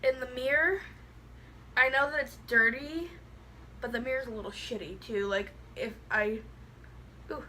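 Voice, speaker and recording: A woman's voice: high voice, a little slow, pauses often, pushed and bright, slight background noise, low-quality recording. A woman with a lisp that makes her s sound slushy, chatting casually and bluntly through a product review, rambling with lots of "like". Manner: blunt, rambling, heavy use of "like".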